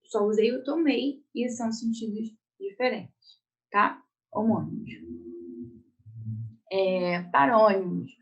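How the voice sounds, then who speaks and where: A woman's voice: fairly high pitch, slow pace, pauses often, rough recording. A woman with a Brazilian Portuguese accent teaching an online exam-prep Portuguese lesson, explaining step by step and checking in often with her students.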